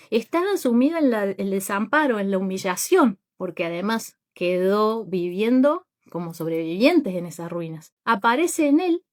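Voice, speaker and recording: A woman hosting a podcast, telling a Bible story in a thoughtful, unhurried monologue that speaks straight to her listeners. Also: medium pitch. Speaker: podcast host.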